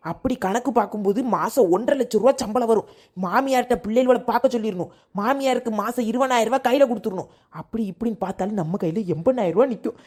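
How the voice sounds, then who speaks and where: A woman's voice: on the high side, fast talker, a little mellow, close to an everyday voice. Woman voicing a scheming bragging cartoon aunt. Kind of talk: cartoon voice acting.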